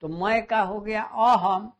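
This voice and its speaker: Slow, repetitive male teacher, lo-fi sound. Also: sits high, fairly even intonation. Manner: slow, repeats words and stretches them out. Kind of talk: Sanskrit grammar lesson. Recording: dull lo-fi sound.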